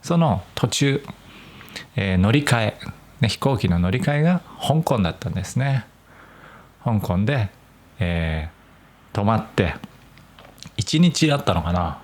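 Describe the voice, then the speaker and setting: A man's voice: on the low side, measured pace, pauses often. A young man from Nagoya, Japan, hosting a solo podcast for language learners. He speaks mostly standard Japanese with slight Nagoya touches, in a careful, chatty way. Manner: clear, careful explaining with a relaxed, chatty tone. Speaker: podcast host.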